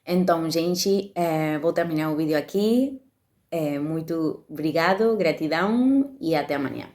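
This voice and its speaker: A woman giving a reflective spiritual talk to her viewers, speaking slowly with frequent restarts and fillers. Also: sits low. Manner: halting, many restarts and fillers, calm. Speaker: spiritual video host.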